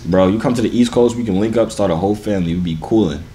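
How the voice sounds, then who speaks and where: A man in his early twenties with an American accent and a deep, booming voice, chatting in a laid-back, slangy, teasing way. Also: racing, dark tone. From New York, United States. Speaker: vlogger hosting a random video-chat prank. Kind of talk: casual flirtatious chat. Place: garage-like home gym, indoors.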